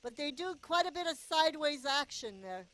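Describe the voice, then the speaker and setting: A woman's voice: high-pitched, expressive, normal speed, fairly bright tone. A woman doing casual play-by-play commentary at a go-kart race, chatty and cheering the drivers on. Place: outdoor go-kart race track.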